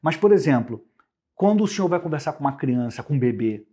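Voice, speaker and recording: A man with a Brazilian Portuguese accent, a guest on a podcast, explaining communication with lively everyday examples. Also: on the high side, fairly quick, slightly rough. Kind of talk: conversational podcast interview.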